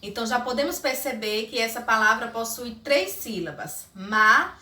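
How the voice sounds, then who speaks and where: A woman teacher with a Brazilian accent giving a lesson, speaking slowly and spelling words out syllable by syllable. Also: on the high side, sharp tone. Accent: Brazilian Portuguese. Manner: slow, deliberate, spelling out syllables. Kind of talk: recorded classroom lesson.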